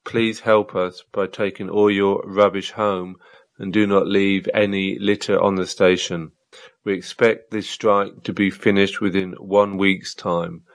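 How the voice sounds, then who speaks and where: A man reading scripted public announcements in a measured, formal way, with a few small hesitations. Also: low voice, little pitch movement, no room sound. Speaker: announcer in a listening exercise.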